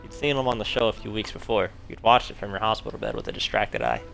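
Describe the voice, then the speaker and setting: Gravelly low-voiced man reading game text. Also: fast talker, a bit bright, faint music behind. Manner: casual, swears freely, reads text aloud plainly. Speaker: game streamer. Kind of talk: reading game text aloud and playing live.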